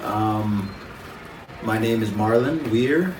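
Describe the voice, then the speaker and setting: A man from Jamaica, a guest in an interview, speaking in a measured, reflective way with frequent pauses and fillers. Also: fairly low pitch, echoey room, distant mic, noisy background. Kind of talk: conversational interview.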